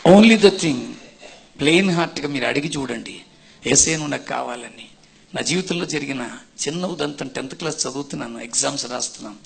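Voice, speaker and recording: A man's voice: medium pitch, fast talker, vocal fry, husky. A male pastor telling his own conversion story as a sermon testimony, acting out quotes dramatically. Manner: dramatic storytelling, rising to shouts and voiced quotes.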